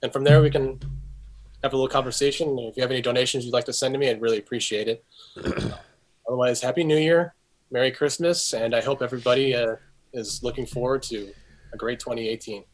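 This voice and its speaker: Halting male guest losing his voice. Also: mid-range voice, steady tone. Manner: halting, stumbles and repeats words. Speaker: guest researcher. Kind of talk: casual talk-show chat.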